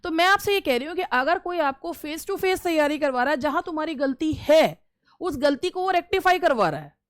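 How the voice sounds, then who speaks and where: High-voiced woman teacher, conversational. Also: animated, normal speed, no room sound. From India. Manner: conversational, repeats phrases, frequent hesitations. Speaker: English teacher giving interview tips. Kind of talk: casual instructional talk.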